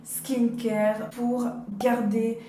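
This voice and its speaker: A woman in her late twenties from the Dominican Republic chats casually to camera as a beauty vlogger, offering personal advice straight to her viewers. Her voice is fairly high and warm, with a flat delivery and drawn-out words. She's indoors in a hotel, and the roomy recording has a distant mic and faint background noise.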